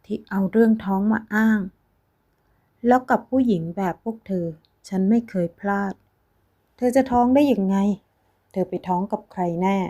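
A woman voicing a calm, cold older man who answers slowly in a storybook reading. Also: mid-range voice, close to an everyday voice. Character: older wealthy man, cool and dismissive.

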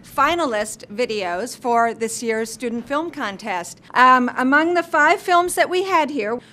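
A woman from a sponsoring company announcing student film contest finalists to high school classes in an upbeat, congratulatory way. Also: animated, unhurried, pushed and bright. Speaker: sponsor representative.

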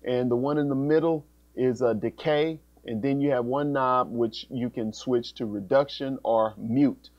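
A music instructor in his thirties with an American accent explains gear step by step in a casual, informal tutorial. His medium-pitched voice is a little slow with few pauses. Recorded indoors in a small music studio, the sound is dull, with electrical hum and fan noise behind him.

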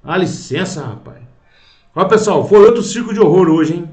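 An indignant man with a Brazilian Portuguese accent delivers a slow, repetitive rant, dropping swear words and calling everyone "cara." His voice sits high for a man. It rings around an echoey room. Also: animated, a little mellow. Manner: indignant, profane, keeps saying "cara". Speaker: political video commentator. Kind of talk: angry rant to camera.

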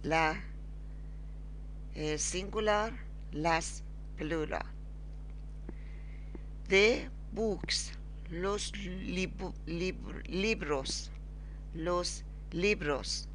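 A woman with as her teaching a beginners' lesson, halting and repeating words slowly. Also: lowish voice, a little hiss or hum. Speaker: language teacher. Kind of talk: slow screen-recorded lesson.

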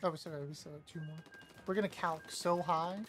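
A woman streaming a live game, trash-talking playfully, apologizing to teammates and suddenly yelling when a play goes wrong. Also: low voice, fairly even intonation, brisk, soft background music. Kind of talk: live gameplay commentary.

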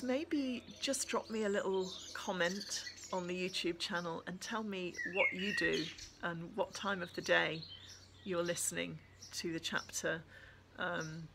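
A woman's voice: fairly low pitch, noisy background. A woman author reading her own story aloud, then chatting to listeners in a friendly way with fillers. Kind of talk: audiobook reading and casual sign-off.

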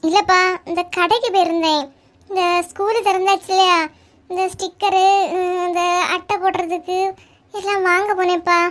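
A meek, apologetic young girl in a cartoon comedy, as a woman puts her on, with a very high, squeaky voice and a Kanyakumari Tamil accent. She answers quickly and tries to please her stern father. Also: fairly even intonation. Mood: meek excuses. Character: timid young daughter excusing herself to her father.

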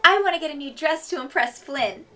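A woman's voice: high voice, brisk, sharp tone, faint music behind. A woman playing a cheerful, chatty princess out shopping with friends in a live-action play-acting skit. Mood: cheery.

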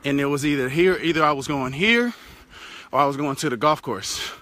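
Holding his phone out at arm's length, a young man from the United States chats loosely through a cycling vlog on a rural road, cursing casually while cars go past. He talks fairly quickly in a highish voice that sounds pushed and bright.

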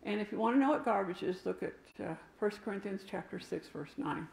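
An older woman preaches at a slightly fast clip, her gravelly mid-range voice a little mellow. She speaks emphatically, with asides to the pews, and the roomy echo of the church sanctuary surrounds her words.

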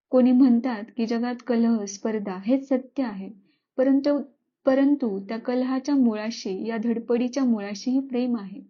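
A woman storyteller reads a classic tale aloud, in a measured and expressive way. Her voice sits somewhat high for a woman, and the recording sounds dull and lo-fi. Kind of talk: scripted narration of a classic story.

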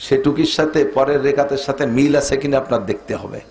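A man's voice: medium pitch, level tone, fast, darkish tone, roomy sound. A middle-aged man from Bangladesh preaching a sermon, arguing his point with jokes and rhetorical questions to the congregation. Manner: argumentative, joking, rhetorical questions to the crowd. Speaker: Islamic preacher. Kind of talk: sermon at a religious gathering.

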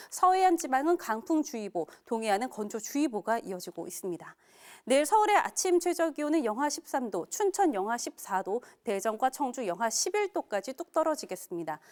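Woman, weather forecaster, high voice, scripted broadcast delivery, crisp and measured. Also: a little mellow.

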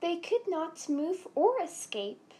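A woman reading a children's story aloud as storyteller, clear and expressive. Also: very high voice, slow, a little hiss or hum. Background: soft music.

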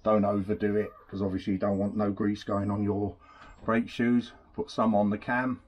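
Standing off to the side of a camera placed on his workbench, a scooter mechanic demonstrates a rebuild in an indoor workshop. His lowish voice moves at a normal pace with slight background noise behind it, and he chats easily while his hands stay busy with the repair.

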